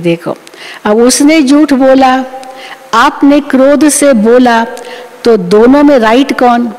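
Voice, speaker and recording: A woman preaches with a fairly high voice that carries a long hall reverb. She tells her points as stories and slips into the voices of the people she quotes. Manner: animated storytelling, acts out quoted people. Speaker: spiritual teacher. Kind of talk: sermon explaining a spiritual discourse.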